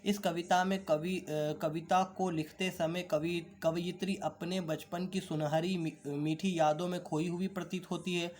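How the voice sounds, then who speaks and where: A man teaching an online class, slowly reading out and explaining textbook answers. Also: high voice, little pitch movement, a little mellow. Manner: carefully repeats words for pronunciation drill.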